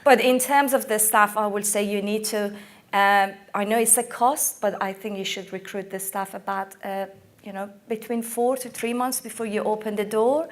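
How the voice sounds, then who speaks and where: A woman's voice: medium pitch, steady tone, normal speed. Emphatic woman panelist, losing her voice. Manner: emphatic, many fillers and restarts. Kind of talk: conference panel discussion.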